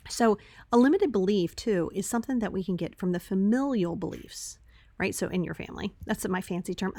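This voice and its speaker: A woman's voice: mid-range voice, fairly quick, mellow, dry recording, studio quality. A woman hosting a podcast in casual, conversational solo talk, recorded on a laptop's built-in microphone that sounds tinny. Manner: chatty, conversational, rhetorical check-ins. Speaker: podcast host. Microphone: laptop microphone, with headphones on.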